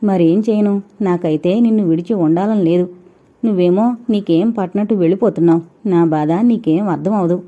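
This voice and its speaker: A woman's voice: lowish voice, moderate pace, lightly acted. A woman voicing a young husband who is possessive and sulky, talking in a coaxing way, on a dull lo-fi recording.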